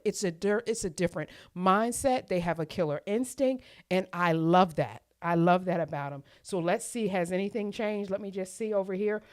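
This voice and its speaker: A woman hosting a live sports watchalong, chatting casually to her viewers and getting excited as the score changes. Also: mid-range voice, dry recording, clean studio sound. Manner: excitable, talks straight to chat with "y'all" and "you guys". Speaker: host of a live watchalong stream. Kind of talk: casual live reaction chat. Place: home.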